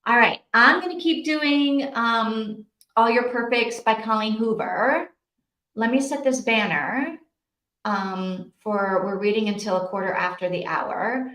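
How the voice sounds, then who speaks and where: The echoing, roomy recording catches a woman running a casual live reading-sprint stream. Her voice is on the high side, fairly bright and a little slow, as she chats and reads out and answers what viewers comment.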